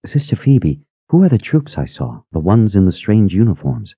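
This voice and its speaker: A man voicing a calm, stern senior sister. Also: fairly low pitch, normal speed, breathy edge, dry recording, highs cut off, exaggerated voice. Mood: composed. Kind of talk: audiobook character voice.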